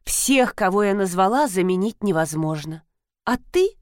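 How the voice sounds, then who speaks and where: A woman's voice: mid-range voice, lively intonation, normal speed, dry recording, clean studio sound, lightly acted. A woman reading an audiobook, voicing an earnest middle-aged housekeeper explaining a plan plainly.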